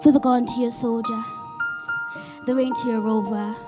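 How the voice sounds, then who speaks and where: A woman's voice: on the high side, steady tone, moderate pace. A woman performing bold, rhythmic spoken word poetry. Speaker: contestant. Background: loud music.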